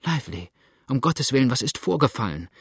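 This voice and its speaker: A man voicing an anxious old wife who calls out in a shrill, reproachful tone. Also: big pitch swings, fairly quick, husky, no echo, clean studio sound. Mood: alarmed. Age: older.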